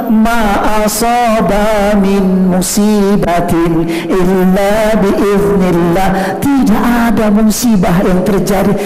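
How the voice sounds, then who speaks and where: Male preacher, animated sermon, slow delivery, echoey room, music behind. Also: gravelly. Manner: animated, swinging between loud emphatic shouts and low drawn-out phrases.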